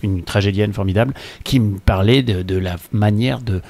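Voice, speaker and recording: A man from the opera world telling anecdotes in a relaxed chat, laughing now and then. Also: lowish voice, moderate pace, creaky. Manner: anecdotal storyteller, laughs between points. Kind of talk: casual conversation.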